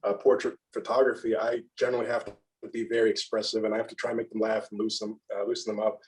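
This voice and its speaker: A young man in a casual interview who talks in a soft, monotone, modest way, often playing himself down. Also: lowish voice, fast talker, rough recording. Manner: soft-spoken, modest, self-deprecating. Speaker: guest photographer.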